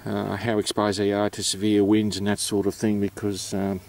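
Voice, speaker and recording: A man's voice: fairly low pitch, monotone, moderate pace, a little mellow. A man with an Australian accent giving an informal, matter-of-fact explanation, hesitant and unscripted as he goes. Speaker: amateur radio operator presenting.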